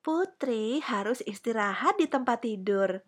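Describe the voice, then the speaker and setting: A woman voicing a kindly, firm woman doctor in a storybook reading, calm and instructing. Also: on the high side, unhurried.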